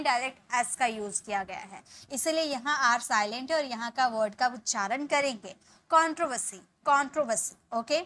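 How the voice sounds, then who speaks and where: A woman with an Indian English accent teaching English vocabulary, drilling each word slowly and repeating it. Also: sits high, fairly bright tone. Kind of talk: vocabulary lesson.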